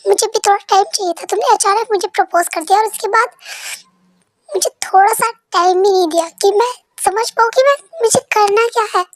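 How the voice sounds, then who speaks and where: A woman's voice: extremely high pitch, a little fast, no room sound, studio quality, voice pushed up. A woman voicing a shy, jealous young man in love, in a fan-dubbed story, pleading and emotional.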